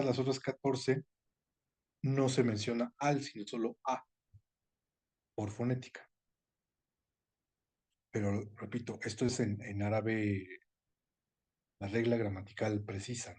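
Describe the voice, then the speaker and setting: A man teaching a seminar class, explaining step by step at an even pitch and often stopping to repeat or correct his words. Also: breathy edge. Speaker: seminar lecturer on etymology.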